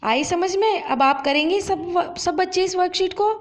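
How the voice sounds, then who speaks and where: A woman teacher giving an online lesson to children, stretching out example words slowly and asking questions that she answers herself. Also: extremely high pitch. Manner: slow, drawn-out pronunciation of example words. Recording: dull lo-fi audio.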